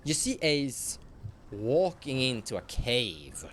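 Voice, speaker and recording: Halting man narrating a horror game. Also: mid-range voice, sing-song, a bit bright, a little hiss or hum. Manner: slow, halting narration with self-corrections. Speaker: game master.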